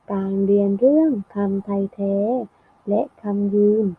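A woman teacher giving a lesson, explaining slowly and clearly and ending sentences with polite particles. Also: medium pitch, slight background noise. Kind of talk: classroom lesson narration. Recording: thin phone-like audio.

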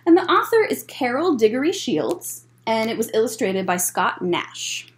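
Indoors in a library room, a children's librarian in her thirties reads a picture book aloud. Her voice is a little high and sing-song, delivered in measured phrases with chatty asides.

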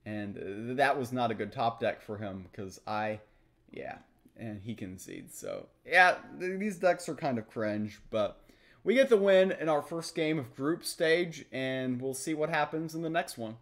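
Here a young card-game streamer comments live from a small home room, reasoning out loud about each play. His medium-pitched voice is very animated, though his pace stays measured.

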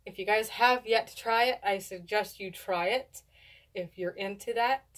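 A woman's voice: mid-range voice, moderate pace, a bit bright. A young adult woman chatting casually to camera in a rambling, stumbling way, talking with a lip full of dip. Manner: rambling, stumbles over words. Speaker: video blogger doing a product review. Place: indoors, small home room. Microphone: camera at a short distance.

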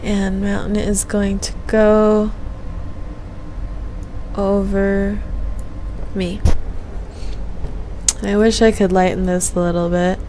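Speaking slowly with frequent pauses, a young woman with a mellow, flat, medium-pitched voice chats on a game stream from a small home room. She meanders hesitantly, half muttering into her gaming headset mic, and the low-quality recording carries slight background noise.

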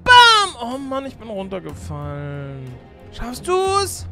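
Bright, lively woman gaming streamer. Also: high-pitched, measured pace, faint music behind. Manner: jumpy, exclaiming, repeats words in bursts. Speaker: gaming YouTuber. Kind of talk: excited gameplay chat.

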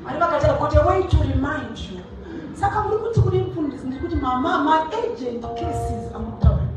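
A Zimbabwean woman evangelist delivers a forceful sermon into a pulpit microphone, her voice high and her words rapid. She sounds distant from the mic in a big echoing church hall, with loud music playing under her. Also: lively intonation. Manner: forceful preaching, switching between Shona and English.

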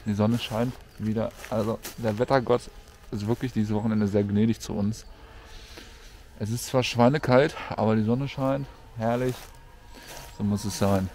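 A man giving an informal, colloquial walk-through commentary as a vlogger out and about. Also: on the low side. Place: mostly outdoors, walking through an abandoned housing estate.

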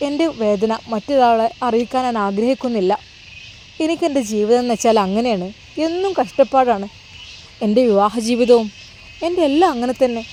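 A woman's voice: a little high, a little hiss or hum, close to an everyday voice. A woman voicing a heartbroken young woman who talks in a tearful, bitter, pleading way, with faint crickets behind. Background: faint evening crickets.

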